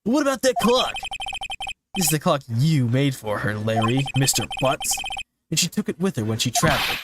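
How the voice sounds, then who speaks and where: A man's voice: mid-range voice, big pitch swings, normal speed, close to an everyday voice. A man voicing a flustered young male defense lawyer with a sarcastic edge, in a parody fan dub. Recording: noisy home recording.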